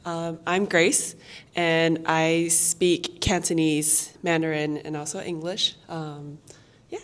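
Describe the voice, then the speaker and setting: A woman co-host speaks to a classroom audience with many pauses and "um"s. Her voice sits on the low side. She talks unscripted and loose. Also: little pitch movement. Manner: hesitant, many "um"s. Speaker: podcast co-host. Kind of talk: unscripted talk to a live audience.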